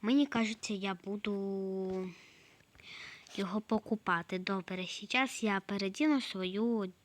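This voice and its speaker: A woman with a hoarse voice narrating her game play in a soft, slow way, often slipping into a whisper. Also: mid-range voice, fairly even intonation, slight background noise. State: hoarse, coughing. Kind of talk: casual gameplay narration.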